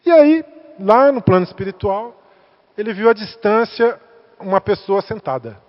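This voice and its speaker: A man's voice: high voice, lively intonation, moderate pace. A man with a Brazilian Portuguese accent gives a spiritist talk to center workers, chatting and asking the audience questions. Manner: conversational, asks the audience questions. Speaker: guest speaker. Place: spiritist center meeting hall. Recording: echoey hall, dull lo-fi sound.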